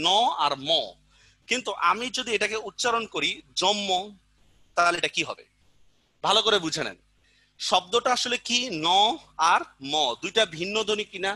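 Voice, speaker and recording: A man's voice: high-pitched, expressive, a little fast, bright, forceful tone, no echo. A male teacher giving an online grammar lesson, patiently repeating examples and often asking the class whether they understood. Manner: keeps asking students check questions.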